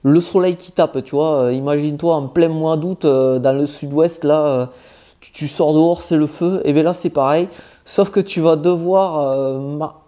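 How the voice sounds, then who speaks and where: A man's voice: on the high side, fairly even intonation, normal speed, warm tone. A man with a southwestern French accent giving casual, informal travel tips straight to the viewer, with many hesitations as he talks. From southwest France. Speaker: travel vlogger.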